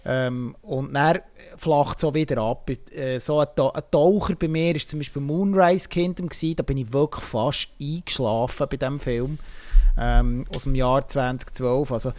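A man's voice: medium pitch, a little mellow. A man, co-hosting a film podcast, speaking thoughtfully with frequent fillers. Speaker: podcast co-host. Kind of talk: casual film review chat.

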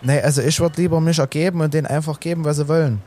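Man putting on a high, timid old manservant. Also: steady tone, rapid-fire, a little mellow, soft background music, natural voice. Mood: meek. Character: aging cowardly male manservant, meek.

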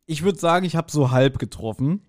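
A male podcast co-host chats casually, speculating about an audio drama and thinking aloud with some hesitation. His voice is on the high side, a bit mellow, animated and brisk.

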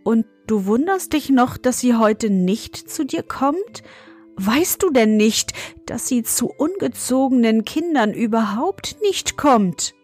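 A woman's voice: on the high side, animated, takes it slowly, darkish tone, husky, faint music behind, pitched above the performer's own voice, exaggerated voice. A woman voicing a small, stern grey old forest gnome in a storybook reading, with a thin, fine voice and a scolding, proud manner.

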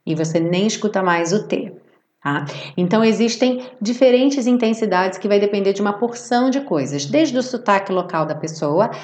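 A Brazilian woman teaches English pronunciation in a live online class, with an everyday middle-pitched voice. She talks patiently and slows right down to repeat each word several times. Her voice carries a noticeable room echo. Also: darkish tone. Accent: Brazilian Portuguese. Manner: explains patiently, slowly repeats words to model pronunciation. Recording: roomy echo.

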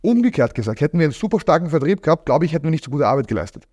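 A man in his thirties, an agency founder, talking casually in an interview with many fillers. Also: fairly high pitch. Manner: fast, animated, many fillers.

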